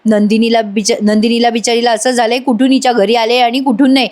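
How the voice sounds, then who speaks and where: A chatty woman with a fairly high, slightly strained voice, recapping a TV serial as a voice-over. She talks straight to her viewers and retells the scenes. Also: level tone, fast, a little mellow. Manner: chatty, addresses viewers directly. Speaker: TV serial reviewer. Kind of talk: voice-over episode review.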